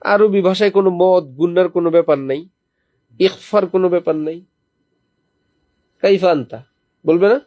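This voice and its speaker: A man's voice: high voice, fairly even intonation, brisk, a little mellow, no room sound, studio quality. A man preaching a sermon to a small gathering, reciting verses as examples and putting questions to his listeners. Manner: teaching with recited Quranic examples. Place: lodging during a visit to a holy city.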